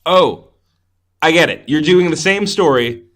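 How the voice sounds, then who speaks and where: A podcast co-host chats casually and enthusiastically about movies, his voice on the high side, a bit bright, animated yet unhurried. He rambles, often restarting his sentences with repeated false starts.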